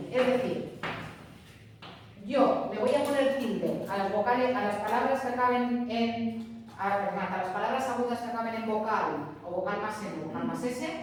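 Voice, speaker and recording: Heard from a distance in an echoey hall with slight background noise, a woman with a high-side voice and a Spain Spanish accent teaches grammar. She stays patient and emphatic, regularly checking that her students are following.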